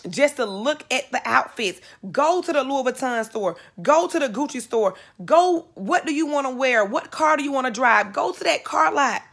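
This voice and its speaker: A woman in her thirties speaks to live viewers in an earnest motivational talk, her high voice near tears. She leans on repetition, circling back to the same phrases for emphasis. The delivery is emotional and heartfelt. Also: fairly bright tone. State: close to tears.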